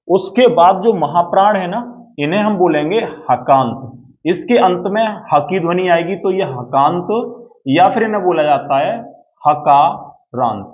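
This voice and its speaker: A man with a fairly high voice gives an exam-prep grammar lesson at a board. He explains step by step and keeps asking whether his students follow. The sound is thin and tinny, like a phone line. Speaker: Hindi teacher.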